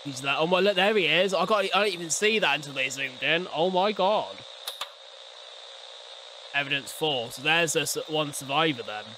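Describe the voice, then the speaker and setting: This young adult reaction host has a highish voice with lively intonation and a moderate pace. Muttering asides and swearing bluntly in casual slang, he speaks close to a desk condenser mic with his headset on, in a room at home where background noise is audible.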